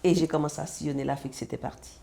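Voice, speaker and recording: A woman from the French Antilles, a mother, telling her personal story as a guest in an animated way and acting out the dialogue. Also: sits low, racing, gravelly. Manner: animated, acts out quoted dialogue. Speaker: guest, mother of a sick child.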